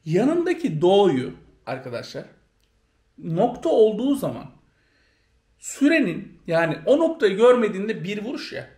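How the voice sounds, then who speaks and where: A woman's voice: medium pitch, sing-song, unhurried, dark tone. A woman teaching a violin lesson, counting beats aloud and calling out note names. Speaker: music teacher. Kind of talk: instrument lesson. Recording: echoey room, faint noise.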